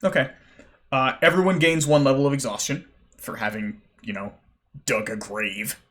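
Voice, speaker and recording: A man running a tabletop game as game master, narrating with a relaxed, halting delivery. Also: medium pitch. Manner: relaxed, hesitant with fillers and restarts.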